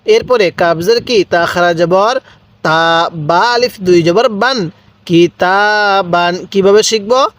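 A Bangladeshi Bengali-accented man teaching Quran reading, spelling letters out and then stretching each word slowly for students to repeat. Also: sits high, a bit bright, dry recording. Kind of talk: step-by-step reading lesson.

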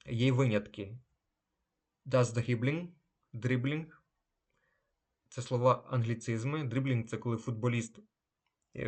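A German teacher with a medium-pitched voice gives a slow language lesson, saying each German word a little louder before giving its translation.

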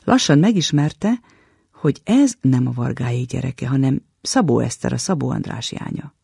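A man giving a measured, dramatic reading of a short story on a literature program. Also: medium pitch, expressive, creaky, warm tone, breathy edge, dry recording, studio quality.

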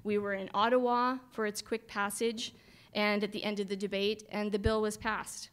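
A middle-aged woman, a farm association director from Canada, giving a speech at a podium microphone in a hotel conference room, lively with wry asides. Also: medium pitch, normal speed, clean tone.

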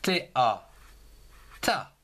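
A man giving a slow handwriting lesson for young children, spelling words letter by letter and syllable by syllable. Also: fairly bright tone. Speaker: teacher.

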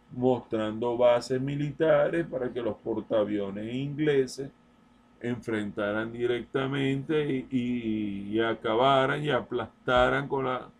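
A political commentator with a medium-pitched voice delivers an open-letter political monologue. He speaks slowly and deliberately, addressing the listener directly, insistently repeating his points with emphasis.

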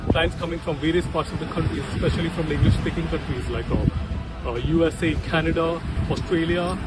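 Holding his phone at arm's length on a city street, a man in his thirties from India who works as a business agent in Portugal talks casually to the camera. His voice is a little high and he sounds hesitant, using many fillers, with heavy background noise around him.

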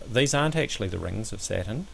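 A man giving a measured, somewhat hesitant step-by-step explanatory commentary over a screen recording, as an amateur astronomy presenter. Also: lowish voice, lively intonation, vocal fry, fairly bright tone, a little hiss or hum, rough recording.

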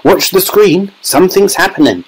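A breezy eccentric gentleman, voiced by a male storyteller, speaks in a storybook style. He is brisk and easily excited. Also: high-pitched, breathy edge, voice pushed up, full character voice, low-quality recording. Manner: exclamatory, breezy.

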